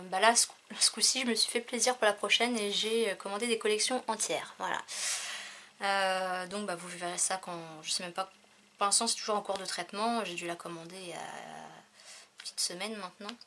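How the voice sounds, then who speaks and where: A French woman with a mid-range, pushed, bright voice chats casually through a crafting haul video, counting and showing off her purchases. She uses lots of fillers, and a slight hiss or hum runs underneath.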